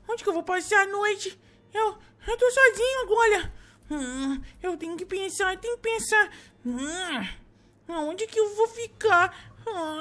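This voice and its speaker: A woman's voice: very high-pitched, a bit bright. A woman voicing a lonely, abandoned talking baby cat boy who whimpers and thinks aloud.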